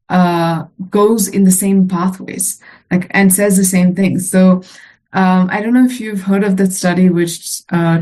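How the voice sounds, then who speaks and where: A woman co-hosting a podcast, telling stories in casual chat with quick, chatty delivery and frequent fillers. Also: fairly low pitch, a little mellow. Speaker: podcast co-host, program facilitator.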